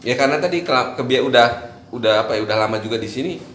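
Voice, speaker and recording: Guy from eastern indonesia chatting easy and reflective, mid-pitched voice, roomy echo, bit of hiss. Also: rapid-fire, a bit bright. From eastern Indonesia, Bima. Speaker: guest. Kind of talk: casual chat. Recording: echoey room, faint noise.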